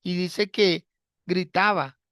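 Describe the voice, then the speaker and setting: A man preaches at an unhurried, measured pace. His voice has a gravelly, creaky edge. He repeats key phrases and turns to the listeners with rhetorical questions. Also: sits high, steady tone, fairly bright tone, no room sound, clean studio sound. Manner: asks the congregation rhetorical questions. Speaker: pastor. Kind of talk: sermon.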